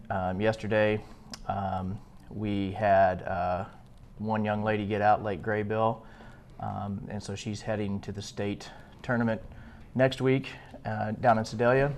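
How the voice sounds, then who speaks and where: A man's voice: lowish voice, a little hiss or hum. A man speaking as a head coach at a press conference, answering in an easygoing, conversational way.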